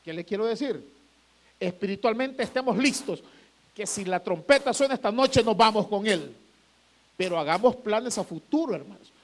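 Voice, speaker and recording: A pastor with a strikingly high voice preaches a sermon. He stretches out key phrases and climbs to forceful emphatic peaks, then drops low on the words addressing his congregation. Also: expressive, moderate pace.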